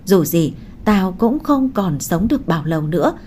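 A woman voicing a desperate, vengeful woman who holds a child hostage, in a shrill taunting manner. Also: sing-song, normal speed, mellow, slight background noise.

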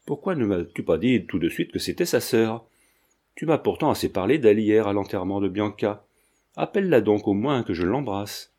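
A man's voice: fairly low pitch, expressive, moderate pace, mellow, husky. Man doing a chatty, blunt old landlady. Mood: insistent. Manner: talkative, familiar, insistent.

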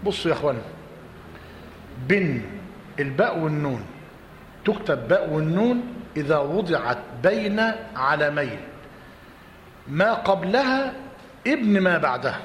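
A man's voice: on the high side, big pitch swings, normal speed, pauses often. A man with an Egyptian accent teaching a class, repeating his points and quizzing his students. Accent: Egyptian Arabic. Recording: roomy reverberant hall, faint noise.

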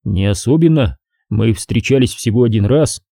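A man's voice: medium pitch, animated, normal speed, creaky, dark tone, dry recording, clean studio sound. A man reading an audiobook, voicing a nervous male researcher answering police questions defensively. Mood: anxious. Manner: anxious, defensive.

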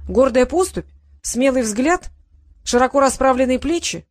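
A woman's voice: high-pitched, lively intonation, measured pace, darkish tone, no echo, pitched above the performer's own voice. An eager, hot-headed young squire in a storybook, as a woman reader puts him on. The sound is close and dry.

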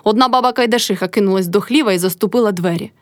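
A woman narrating a classic novel in an expressive audiobook reading. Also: mid-range voice, racing, dry recording. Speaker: reader.

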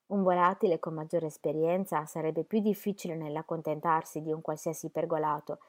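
Expressive woman reading letters aloud. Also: sits low. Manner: measured, expressive storytelling. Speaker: reader.

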